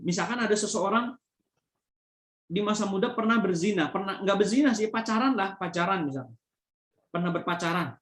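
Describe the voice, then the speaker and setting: Recorded in an echoey room with a little hiss or hum, a man with a high voice delivers a religious study lecture as an Islamic preacher. Fillers crop up often as he illustrates ideas with everyday examples.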